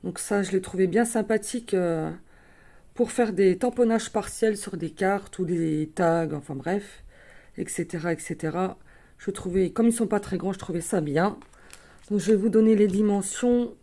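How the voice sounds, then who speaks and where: A woman's voice: mid-range voice, normal speed, warm tone. A woman casually showing her craft purchases to viewers, chatty with many fillers and small self-corrections. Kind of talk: casual show-and-tell.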